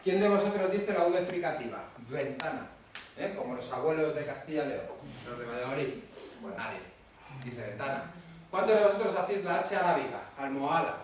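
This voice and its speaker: A man's voice: fairly high pitch, expressive, brisk. A man with a Spanish accent from Spain, giving a casual lecture to parents and often checking in with his audience. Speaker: speaker at a talk for parents. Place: hall at a parents' association talk. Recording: very echoey room, mic far off, faint noise.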